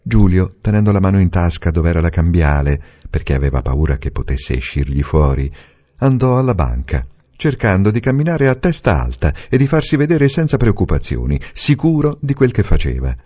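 A man narrating a novel aloud in a measured, expressive reading. The recording sounds dull and lo-fi. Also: sits low. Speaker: reader. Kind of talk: audiobook narration.

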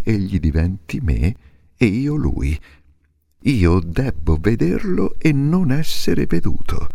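A man giving a dramatic literary reading in a slow, measured, intense way, sometimes sinking to a hush. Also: lowish voice, gravelly, no room sound, studio quality. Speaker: reader.

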